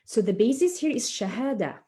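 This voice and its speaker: A preschool teacher and storyteller from Egypt introduces herself and tells a children's story live, using playful explanations and questions. Her fairly high, husky, dark voice is expressive and brisk.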